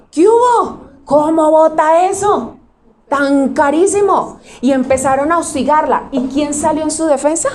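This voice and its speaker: High-voiced woman preaching. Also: darkish tone. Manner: conversational preaching, questions to the audience, acts out quotes. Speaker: pastor. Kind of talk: sermon.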